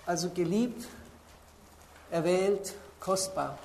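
Low, mellow-voiced woman preaching. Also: slight background noise. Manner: deliberate, stresses key words slowly, pauses to look up verses. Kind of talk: sermon with Bible exposition.

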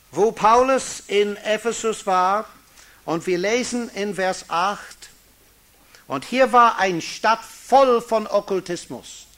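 Slow, high-voiced preacher, man. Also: fairly bright tone. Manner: slow, emphatic preaching with stressed key words; non-native German with small grammar slips. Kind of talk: sermon reading and explaining scripture.

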